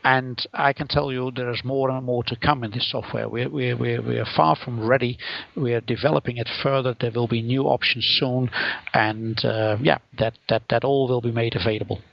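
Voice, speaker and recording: A man with a Dutch accent talks through a technical explanation in a halting way, with restarts and repeated words. His voice is heavily gravelly and husky. The recording sounds dry and a little dull. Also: medium pitch, fairly even intonation, no echo. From Netherlands. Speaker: guest software developer. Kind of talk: podcast interview.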